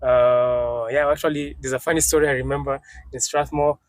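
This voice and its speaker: A young man from Congo, telling stories as a podcast guest in a halting, casual way, restarting phrases and dropping in Swahili words. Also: medium pitch, flat delivery, no room sound. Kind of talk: casual interview storytelling.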